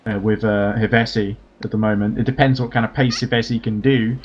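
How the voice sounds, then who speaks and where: A man's voice: lowish voice, fairly quick. Man, race commentator, analytical, lo-fi sound, faint background noise. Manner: analytical, steady play-by-play. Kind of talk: live sim-racing commentary.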